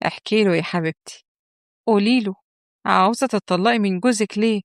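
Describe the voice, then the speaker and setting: A woman's voice: mid-range voice, a little fast, dry recording, close to an everyday voice. Woman reader doing a dismissive, soothing Egyptian mother for a storybook tale, dry recording. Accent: Egyptian Arabic. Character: middle-aged mother, fussy and dismissive.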